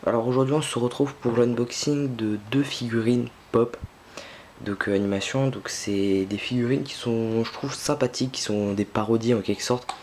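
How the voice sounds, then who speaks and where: A man's voice: mid-range voice, steady tone, moderate pace, darkish tone, slight background noise. A young man filming an unboxing at home, talking casually and hesitantly with many fillers and restarts. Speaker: unboxing vlogger.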